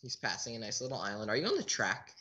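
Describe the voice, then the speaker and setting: A man's voice: mid-range voice, sing-song, quick pace, sharp tone. A man giving casual let's play commentary, chatting in a restless way with a teammate who cannot be heard. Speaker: gaming channel host.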